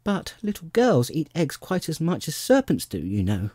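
A reader doing high-voiced earnest little Alice. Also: wildly swooping pitch, moderate pace, darkish tone, breathy edge, no room sound, clean studio sound. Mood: earnest, flustered. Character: polite, puzzled, earnest little girl.

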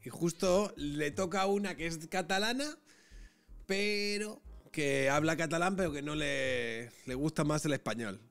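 A man's voice: on the high side, unhurried, a bit bright, soft background music. A man streamer giving sarcastic, mocking commentary on a dating show clip. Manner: sarcastic, mocking, tag questions. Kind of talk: casual reaction commentary.

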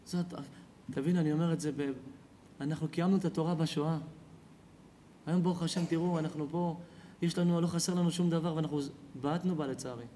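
A man giving a sermon as a rabbi, telling stories dramatically and swinging from loud cries to hushed, near-whispered lines. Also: a little high, steady tone, a little hiss or hum.

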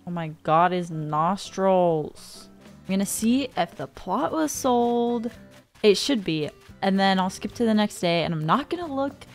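A woman's voice: medium pitch, lively intonation, measured pace, faint music behind. A young woman casually commenting on her gameplay, chatty and easily spooked, with gasps and giggles. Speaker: gaming streamer. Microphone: studio dynamic mic.

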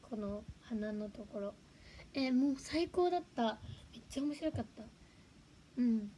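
A woman's voice: fairly high pitch, animated, unhurried, warm tone, slight background noise. A young woman chatting casually on a livestream, giggling and reacting to viewer comments. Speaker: livestream host.

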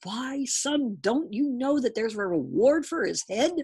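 A woman voicing a gruff, stern farmer father in a storybook read-aloud, growling and stammering. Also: a little high, animated, measured pace, a little mellow, no echo, studio quality, voice pushed up, exaggerated voice. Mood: eager. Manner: growling, stammering when startled.

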